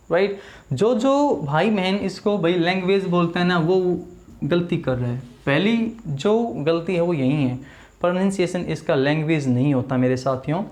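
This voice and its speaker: A man teaching a video English class in Hindi, saying each word slowly and asking listeners to repeat it back. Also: sits high, a little mellow. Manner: drills words slowly, repeats them, asks the class to repeat. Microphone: small camera in front of him.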